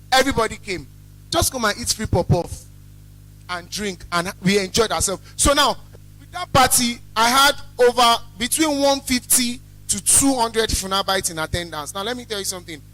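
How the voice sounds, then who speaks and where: A young Nigerian man with a high-pitched, bright, loud, carrying voice gives a motivational talk to students as a guest speaker who owns a small chops business. He is emphatic and blunt, repeating phrases for effect. The recording is rough.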